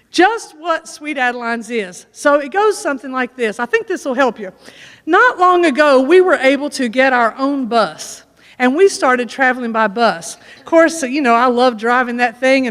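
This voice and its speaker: A woman, a chorus singer, telling a folksy, funny story to a church audience. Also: sits high. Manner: folksy, animated joke-telling. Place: church sanctuary. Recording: echoey church hall.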